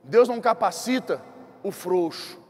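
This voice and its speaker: A man preaching a sermon as a bishop, with a Brazilian accent and an impassioned, repetitive style that rushes ahead and then slows for emphasis. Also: high voice, lively intonation, a little mellow, breathy edge. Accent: Brazilian Portuguese. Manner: impassioned, repetitive preaching with quick bursts and slow emphatic drops. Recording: church hall with long reverb.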